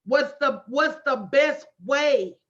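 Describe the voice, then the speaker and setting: Taking it slowly, a woman with a high-pitched, slightly bright voice coaches her live online audience. She's in her late 40s and hosts a livestream as a motivational business coach, relying on emphatic, preacher-like repetition and folksy, direct address. The audio is dull lo-fi.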